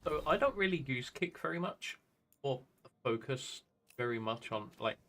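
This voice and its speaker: A man's voice: medium pitch, expressive, moderate pace, a bit bright, soft background music. A man streaming a fantasy game, thinking aloud in casual, rambling commentary and chatting to viewers.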